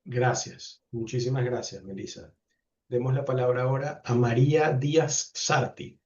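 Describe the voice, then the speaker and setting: Male professor, mid pitch, polite, unhurried, heard from a distance on a dull call line. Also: fairly even intonation, a little mellow. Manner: courteous, unhurried, thanks each speaker. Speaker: professor hosting an online class. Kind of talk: calling on participants in a video class. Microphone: video call.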